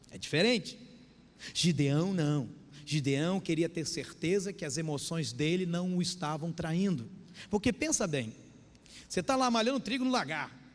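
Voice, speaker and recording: High-voiced pastor preaching in a reverberant church. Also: male voice. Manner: acts out biblical dialogue in changing voices. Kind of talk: sermon.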